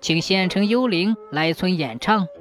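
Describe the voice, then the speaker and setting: A woman voicing a kindly old village friend who speaks low, gentle and formal. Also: animated, measured pace, soft background music.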